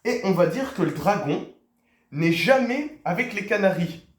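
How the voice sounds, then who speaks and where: A man teaching a video lesson, putting quiz questions to his viewers, pausing on fillers and repeating key words. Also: high voice, animated. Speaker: Spanish teacher. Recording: echoey room.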